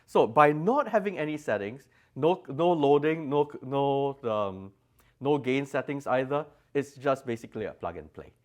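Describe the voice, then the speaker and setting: A man with a mid-range voice and lively intonation, talking at normal speed, presents his products as a designer at a trade show. In an interview in the exhibition room of an audio show, he demonstrates them and emphasizes technical details.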